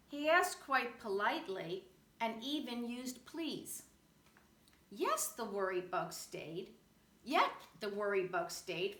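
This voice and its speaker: Reading a rhyming picture book for children, this storyteller uses a bright, fairly high voice with lively, rhythmic delivery and lingers over each phrase. Her recording is roomy and echoey, with a little background noise.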